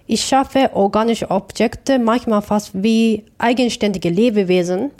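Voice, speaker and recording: A woman's voice: mid-range voice, unhurried, a little mellow. A woman from Japan, a Japanese native speaker, answering interview questions about her art in a careful, thoughtful way with small restarts. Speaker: artist.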